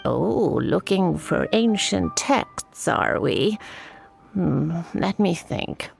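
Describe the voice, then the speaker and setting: An actress playing a kindly old village grandmother who answers slowly and helpfully. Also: on the low side, expressive, gravelly, exaggerated voice. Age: older. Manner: slow, helpful, musing.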